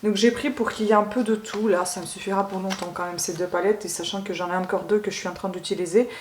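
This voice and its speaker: A woman unboxing beauty products at home in a casual vlog, gushing over each item and pausing often with filler sounds. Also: mid-range voice, steady tone, echoey room, slight background noise. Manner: gushing, keeps saying she loves it; hesitant, many filler sounds. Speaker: beauty vlogger.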